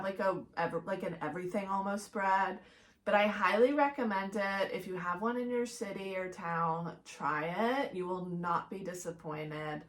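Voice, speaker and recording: A woman's voice: medium pitch, fairly bright tone. A middle-aged woman hosting her own podcast, talking in a casual solo monologue, blunt and fired up, swearing freely and filling her talk with "like". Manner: fired-up, blunt and profane, heavy use of "like". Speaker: podcast host.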